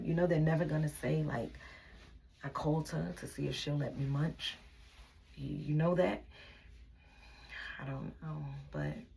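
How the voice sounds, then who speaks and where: Woman, young adult, casual storytime, very husky, gravelly, candid venting. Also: low voice, warm tone. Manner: candid, venting, drifts into a whisper.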